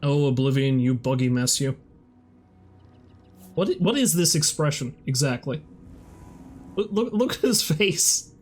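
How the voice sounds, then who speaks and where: A man's voice: on the high side, lively intonation, a little slow, pauses often. A man casually commenting on a video game as a streamer, amused and rambling. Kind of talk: casual let's-play commentary.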